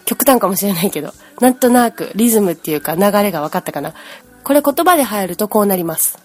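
A woman's voice: mid-range voice, animated, fast talker, darkish tone. A woman teaching English pronunciation in a chatty, explanatory way, humming out speech rhythms. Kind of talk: language lesson.

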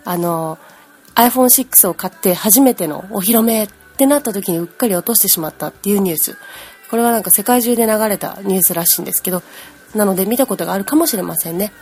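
A woman's voice: mid-range voice, fast talker, darkish tone. A woman teaching English pronunciation in a chatty, explanatory way, humming out speech rhythms. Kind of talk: language lesson.

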